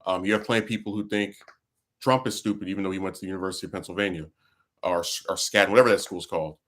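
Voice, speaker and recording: Venting about politics on his livestream, a frustrated host rambles, stumbling into fillers and restarts. He talks very fast in a low, fairly bright voice with fairly even intonation.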